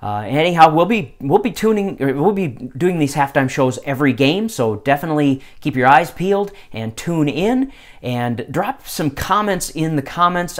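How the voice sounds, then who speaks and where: A man with a medium-pitched voice talks football-fan style as the host of a halftime show. His commentary is informal and unscripted. He speaks haltingly, working out his points aloud. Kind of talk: casual sports commentary, halftime fan talk.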